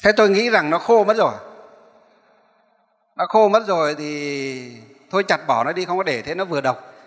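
A man's voice: on the high side, normal speed, a bit bright. A man, a Buddhist monk, telling a story in a sermon, rambling and often repeating or correcting himself. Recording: echoey hall.

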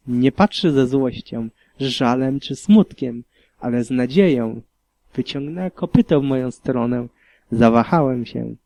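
A man's voice: mid-range voice, warm tone, dry recording. A man reading a fanfiction audiobook as first-person narration in a somber, reflective way. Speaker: audiobook reader.

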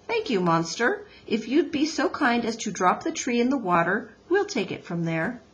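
A woman acts out a bossy beaver wife from a children's storybook. She is brisk, practical and courteous in a no-nonsense way, with very animated pitch. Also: lo-fi sound. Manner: scolding yet courteous, no-nonsense.

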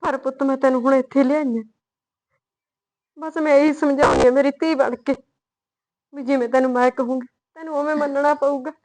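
A woman's voice: sits high, fairly even intonation, brisk, long pauses, darkish tone, lightly acted, rough recording. Woman playing a worried village mother. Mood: scolding. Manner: pleading, emotional scolding. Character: worried rural mother, firm yet loving. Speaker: mother of the heroine. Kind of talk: village short-film drama.

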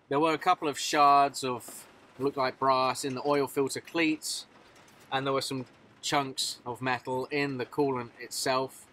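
Mechanic vlogger, man in his thirties, plain mid-pitched voice, matter-of-fact phone-camera talk. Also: a bit bright. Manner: matter-of-fact, explanatory, frequent "uh" fillers. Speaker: mobile mechanic. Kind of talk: casual work vlog narration. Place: van cab and outdoors at a vehicle in rain. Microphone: phone camera held at arm's length.

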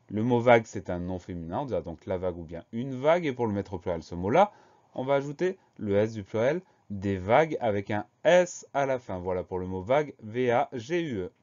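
A man teaching a spelling lesson for children, patient and slow, spelling each word letter by letter. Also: fairly low pitch, a little mellow, dull audio.

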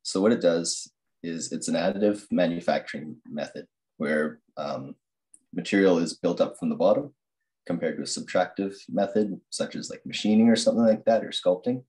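Deep-voiced young man on a screen-recorded call. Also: darkish tone. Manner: halting, many fillers and restarts. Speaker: master's student presenter. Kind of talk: academic slide presentation.

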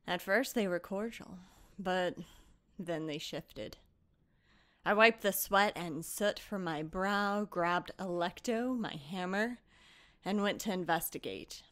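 Composed and earnest, a woman roleplaying a haunted young blacksmith at the tabletop recounts her tale in careful, literary language broken by dramatic pauses. Her voice is on the low side with a fairly bright tone.

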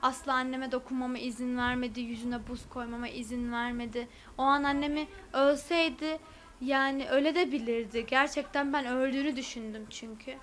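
A woman's voice: high-pitched, steady tone, brisk, a bit bright, slight background noise. A young woman, a university student, giving testimony to a news camera with hesitant filler sounds. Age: young adult.

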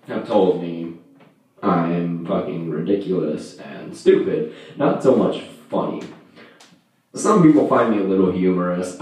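A young man performs a casual amateur stand-up set in a small room at home, rambling haltingly with self-deprecating, vulgar, profane humor. His voice is low with a darkish tone. The camera is far away, a handheld mic is visible, and the room sounds echoey.

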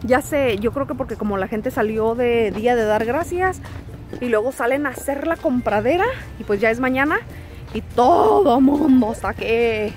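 A young woman talks casually to her phone camera, chatty and warm in tone, her voice sitting a little high. She slips English words into her talk now and then. Faint music plays underneath. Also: expressive, normal speed. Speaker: vlogger. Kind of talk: casual vlog chat. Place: Tucson, Arizona.

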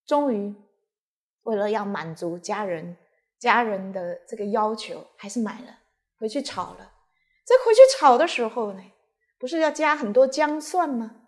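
Nun telling an emotional story. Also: female voice, fairly high pitch, a little mellow. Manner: emotional, vivid storytelling with repetitions. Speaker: Buddhist nun giving a dharma talk. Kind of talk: sermon with personal story.

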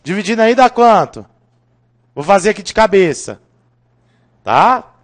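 A Brazilian chemistry teacher with a high, bright-edged voice leads a live online review class. He cracks corny jokes, teases himself, and keeps asking whether the students are following. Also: a little slow. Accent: Brazilian Portuguese. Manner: joking, lively, keeps checking in with students.

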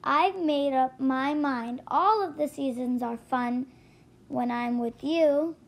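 A cheerful little girl from a storybook, read by a woman in her own high voice. She talks slowly and sometimes trips over her words. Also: vocal fry, heavily acted. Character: cheerful young girl, spring lover.

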